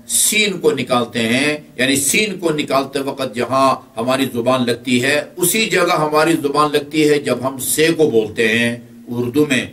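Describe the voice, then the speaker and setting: Middle-aged male religious teacher, halting lecture delivery, mid pitch, recorded slightly off-mic. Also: a bit bright, distant mic. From Pakistan. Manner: hesitant, many filler sounds; explains step by step. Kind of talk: Hajj training class lecture.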